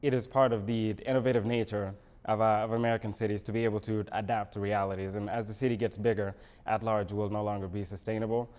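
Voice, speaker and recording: In a local TV studio interview, a Senegalese city council candidate answers in a deliberate, pause-filled manner. His voice is fairly low, level and darkish.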